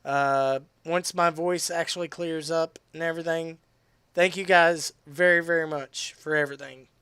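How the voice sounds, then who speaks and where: A man chatting casually on a game live stream, rambling with restarts and fillers, his voice tiring and going hoarse. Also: fairly high pitch, steady tone, normal speed, a bit bright, no room sound. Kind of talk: casual live-stream chat while gaming.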